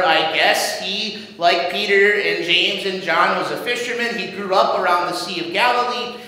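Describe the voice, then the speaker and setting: A male pastor with a high, bright voice tells the sermon's story in a measured, dramatic way. His voice rings out through a large church, with a long, echoing reverb trailing every phrase. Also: slight background noise. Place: church sanctuary. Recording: echoey church hall reverb.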